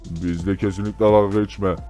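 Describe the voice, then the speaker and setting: Guy doing a dark, smooth evil ogre, flat and threatening, music under it. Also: lowish voice, fairly quick, close to an everyday voice. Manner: boastful, threatening. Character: menacing evil green ogre villain, boastful.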